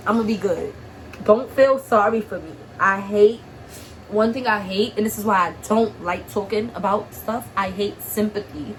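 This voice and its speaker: A young woman from Harlem talks straight to her camera while crying, her nose stuffed up and her voice shaky. She speaks bluntly, swears freely and has a tough street edge, at a middle pitch. Steady noise sits clearly behind her voice. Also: poor audio. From Harlem, New York. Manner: blunt, profane, streetwise talk. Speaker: vlogger. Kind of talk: emotional personal vlog.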